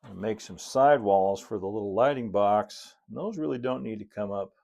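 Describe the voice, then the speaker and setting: A middle-aged American man, a model railroad builder hosting a casual hands-on tutorial, talks while working at a cluttered workbench and layout in an indoor hobby workshop. His fairly low voice is gravelly and a little mellow. He speaks casually and unhurriedly, folksily thinking aloud as he goes.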